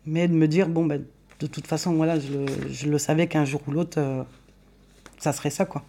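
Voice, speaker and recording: Soft-spoken woman with a mellow voice. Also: low-pitched, fairly even intonation, moderate pace, a little hiss or hum. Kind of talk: casual recorded conversation.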